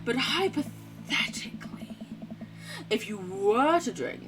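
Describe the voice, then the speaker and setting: A woman's voice: a little high, sing-song, takes it slowly, music in the background. A posh English mum, as a woman puts her on. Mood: prim, conspiratorial. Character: posh English mum, boozy PTA leader.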